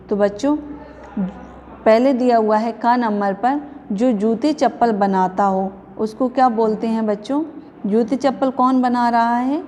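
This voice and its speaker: A woman's voice: on the high side, darkish tone, big-room sound, slight background noise. A woman teaching young children a grammar lesson, patiently asking the class questions and repeating each answer. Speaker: primary school teacher.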